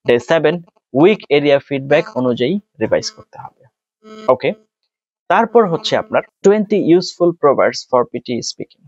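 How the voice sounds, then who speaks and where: A man's voice: mid-range voice, darkish tone, no room sound. A man with a Bangladeshi accent, an exam tutor explaining tips step by step and mixing in English terms. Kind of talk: spoken tutorial. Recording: dull, dry sound.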